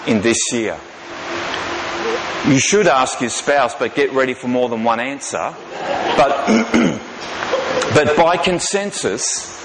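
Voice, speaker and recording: A man, preaching a sermon in a folksy, self-deprecating way, slowing down to repeat key lines for emphasis. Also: mid-range voice. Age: 50s. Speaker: pastor. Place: large church hall. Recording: reverberant hall with background noise.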